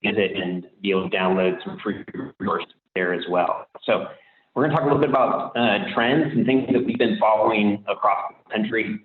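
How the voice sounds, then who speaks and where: A low-voiced man speaks as a webinar guest over a bad connection that keeps cutting out. His audio sounds thin and phone-like. He talks hesitantly, with plenty of fillers. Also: a little fast, roomy sound, a little hiss or hum. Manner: hesitant, filler-heavy delivery. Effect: choppy bad online connection, voice cutting out. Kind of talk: webinar presentation. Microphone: video call. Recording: tinny phone-like video call audio.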